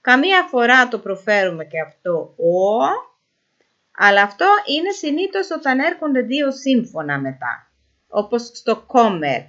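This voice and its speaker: Animated woman teaching pronunciation, lo-fi sound. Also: a little high. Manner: demonstrates sounds slowly and repeats them. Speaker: language teacher. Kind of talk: informal pronunciation lesson. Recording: dull lo-fi recording.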